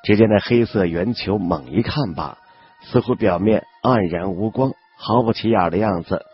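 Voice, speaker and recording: A man narrating a fantasy web novel audiobook in a steady voice, dropping in small spoken fillers. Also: fairly low pitch, moderate pace, slightly rough. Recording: dull lo-fi audio with faint background music.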